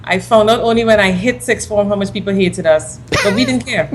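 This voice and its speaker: A woman in her thirties, raised in Guyana, speaks as an interview guest. She sounds a little tired but stays relaxed and chatty. A faint hiss sits under her voice. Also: medium pitch. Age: 30s. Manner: chatty, relaxed, quick when listing. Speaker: lawyer, talk show guest. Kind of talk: interview answers.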